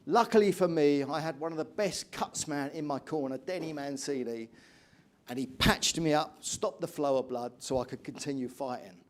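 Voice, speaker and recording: A middle-aged English man giving an energetic motivational keynote speech, telling stories and asking the audience questions. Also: fairly high pitch, moderate pace. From England. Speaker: motivational speaker.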